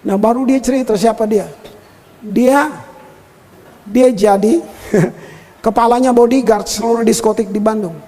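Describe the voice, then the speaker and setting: An older male pastor preaching a sermon and telling stories from his own life in an animated way, often turning to the congregation. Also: sits high, measured pace, long pauses. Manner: animated storyteller, often addresses the congregation as brothers and sisters. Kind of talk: sermon with personal storytelling. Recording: long hall reverb.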